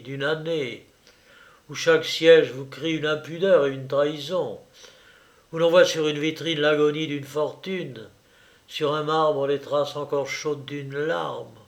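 A man reading a first-person novel aloud in a measured, deliberate narration. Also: on the high side. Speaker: audiobook reader. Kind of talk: literary narration.

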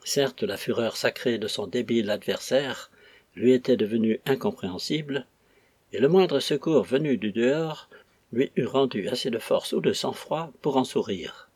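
A man narrating a novel in a steady literary reading. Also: medium pitch, normal speed, breathy edge, no room sound. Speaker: audiobook reader. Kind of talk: scripted narration.

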